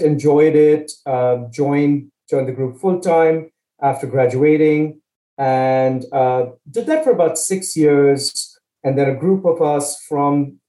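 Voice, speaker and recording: A middle-aged man from India speaking as a guest in an interview, relaxed and joking, with many fillers. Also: mid-range voice. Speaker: guest, asset manager. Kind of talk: casual interview talk. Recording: echoey room.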